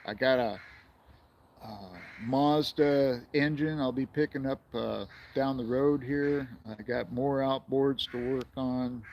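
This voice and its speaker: Slow rambling older man. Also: medium pitch, fairly even intonation, darkish tone, a little hiss or hum. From United States. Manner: rambling, chuckling often. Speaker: livestream host. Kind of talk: casual livestream chat with viewers.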